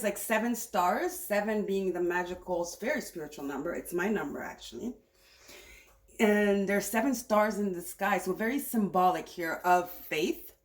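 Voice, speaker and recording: A woman doing a casual tarot reading, chatty and rambling as she thinks aloud. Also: medium pitch. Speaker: tarot reader. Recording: roomy echo.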